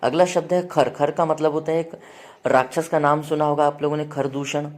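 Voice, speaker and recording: A man's voice: on the high side, fairly even intonation, normal speed, a little mellow. A male teacher running an exam-prep grammar lesson, listing word meanings and checking in with students with frequent "है ना" and "ठीक है".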